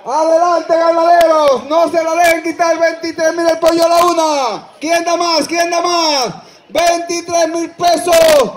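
A Dominican man auctioneers in a very high, projected voice, repeating bids and pressing the buyers. His delivery is slow and drawn out, and it echoes over an outdoor PA with a crowd around. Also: flat delivery, slight background noise. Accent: Dominican Spanish. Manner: loud, insistent, projecting to a crowd. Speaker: livestock auctioneer. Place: open-air livestock show ring among a crowd. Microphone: public-address microphone, picked up by a spectator's camera.

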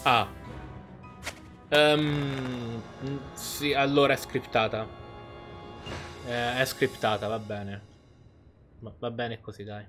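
A man's voice: mid-range voice, fairly even intonation, takes it slowly, long pauses, a bit bright. A man hosting a gaming video with casual commentary as he plays. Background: game music.

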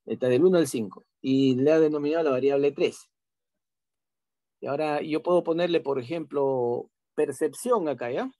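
A man teaching an online class, patiently walking through software steps, repeating himself and checking in with tag questions. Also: on the high side, moderate pace, no echo, clean studio sound.

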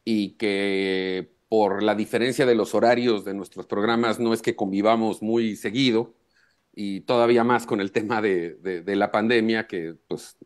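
A man, a journalist guest on a live talk show, giving measured and emphatic analysis. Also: fairly low pitch, fairly even intonation.

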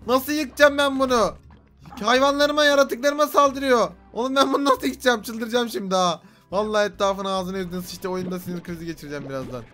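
High bright guy freaking out over his game, yelling at stuff, some music in the back. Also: fast. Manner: frantic, yelling and swearing at creatures. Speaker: gaming YouTuber. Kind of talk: excited let's-play commentary.

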